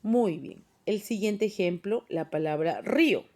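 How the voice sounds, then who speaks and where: Lady teacher, slow and patient, keeps asking right? after each point. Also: medium pitch, animated, darkish tone. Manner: patient, explains step by step with frequent tag questions. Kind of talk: classroom grammar lesson. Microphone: phone voice recorder.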